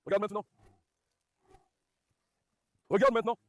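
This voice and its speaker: A man hosting a dog vlog, giving running commentary to viewers and repeatedly calming his dogs with soothing commands. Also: high voice, moderate pace, dry recording. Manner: talks directly to viewers as friends. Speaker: dog owner and channel host.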